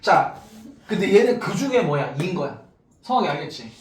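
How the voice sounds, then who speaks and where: A man's voice: high voice, sing-song, fairly quick. Man, math teacher, casual classroom lecture, keeps checking students follow, roomy echo, mic far away. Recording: echoey room, mic far off, faint noise.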